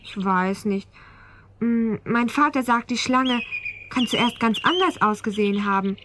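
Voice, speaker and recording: A woman telling a story to children in a gentle, thoughtful way. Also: on the high side, measured pace, noisy background.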